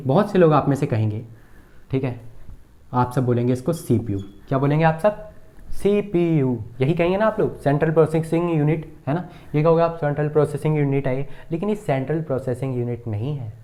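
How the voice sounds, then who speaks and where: A male teacher explains computer basics at a board. His voice is mellow and relaxed, at an ordinary pitch. He keeps quizzing the class and repeating terms to check that everyone follows. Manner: asks questions and repeats key terms with frequent checks.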